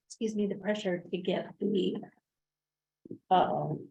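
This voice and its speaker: A woman's voice: on the low side, takes it slowly, gravelly, a little mellow, rough recording. A woman on a transit district's staff giving an update at a board meeting, hesitant, with many fillers and restarts.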